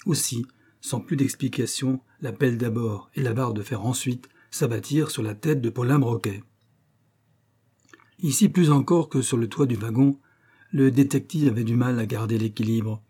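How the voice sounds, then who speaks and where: French guy narrating an old adventure novel, warm mellow voice, measured and dramatic. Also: medium pitch, husky. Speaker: audiobook narrator. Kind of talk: scripted narration.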